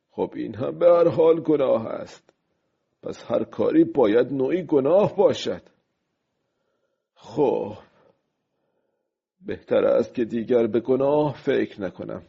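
An actor playing a weary, brooding old fisherman in a radio drama, musing to himself in a husky voice. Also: mid-range voice, mellow, muffled recording.

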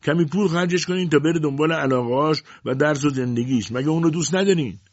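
A man's voice: lowish voice, animated, a little mellow, breathy edge, no room sound, pitched above the performer's own voice. A man voicing a defiant, outspoken young woman who argues with her mother in a storybook reading. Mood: pleading. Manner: pleading, defiant. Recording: dull dry lo-fi audiobook recording.

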